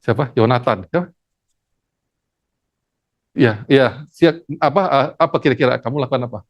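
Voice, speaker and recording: A theology lecturer giving a lively classroom lecture, acting out stories and asking the class questions. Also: mid-range voice, normal speed, no room sound. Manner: animated, acts out stories, asks the class questions.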